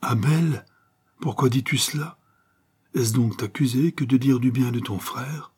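A soft-hearted, anxious mother pleads with her son, her voice lifted and trembling, as a male reader puts her on. The tone stays husky and darkly mellow, as in a dramatic audiobook reading. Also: medium pitch, a little slow, pitched above the performer's own voice. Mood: pleading.

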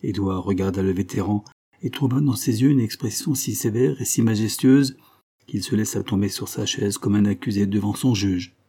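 A man narrating a nineteenth-century love story in a steady, even-toned reading. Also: fairly low pitch, normal speed, slightly rough. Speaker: audiobook narrator. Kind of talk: scripted literary narration.

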